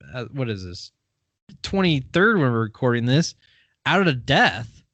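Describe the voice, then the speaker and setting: A man's voice: mid-range voice, a bit bright, no room sound. A man co-hosting a movie podcast in loose, rambling casual chat, full of fillers. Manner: rambling, lots of fillers and laughs. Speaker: podcast co-host.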